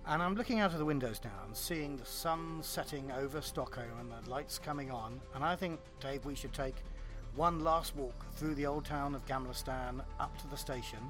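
A man with a cough-roughened, husky voice, co-hosting a casual podcast chat in a wry, self-mocking way. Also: medium pitch, normal speed, music in the background. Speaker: podcast co-host.

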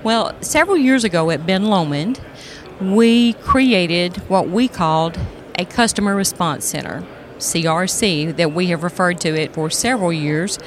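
A woman executive giving measured, businesslike explanations as a podcast guest at a convention expo. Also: on the low side, lively intonation. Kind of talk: explanatory interview talk.

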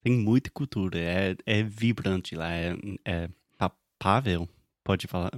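A man's voice: low-pitched, slow, no echo, clean studio sound. A man co-hosting a podcast in casual conversation, often hesitating as he searches for words. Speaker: podcast co-host.

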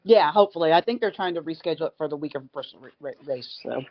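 A woman's voice: sits low, animated, fast, no echo. A woman joining a sports show as a guest reporter, chatting casually, stammering and laughing at herself. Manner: self-deprecating, stammering, laughing. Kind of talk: casual call-in chat. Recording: dull lo-fi line.

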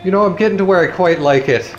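A man's voice: high-pitched, quick pace, muffled recording. A man playing a tabletop game, laid-back and joking, swearing casually as he says what his character does. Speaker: player. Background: background music.

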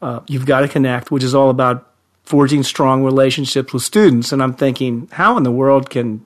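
This podcast interview guest is a man in his 50s who teaches high school in Central Ohio, USA. He speaks at normal speed in a mid-range, young-sounding voice, laughing a lot and poking fun at himself in a friendly way.

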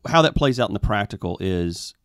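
A man's voice: fairly low pitch, animated, no room sound. A man who leads in a church, speaking carefully and with some hesitation in a casual conversation. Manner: careful, hesitant, measured phrasing.

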